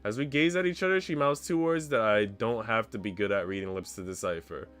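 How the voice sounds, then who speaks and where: With visual novel music in the background, a man streams himself narrating the game's first-person text. He speaks fairly quickly in a lowish voice with a fairly bright tone.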